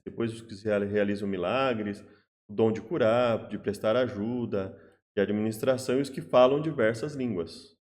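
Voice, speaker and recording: A man's voice: lowish voice, darkish tone. A man giving an unscripted Bible study. He has a Brazilian Portuguese accent and explains patiently with worked examples. He often restarts his phrases and tags them with a questioning "né?". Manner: hesitant, many restarts and "né?" tags. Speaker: Bible teacher.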